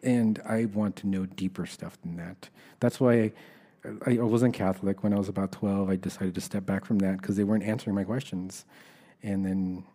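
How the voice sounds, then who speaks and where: A middle-aged army veteran from Los Angeles, United States, speaks with an American accent as an interview guest, candidly sharing stories about himself in a conversational way. His voice is deep and warm, with fairly even intonation and a moderate pace.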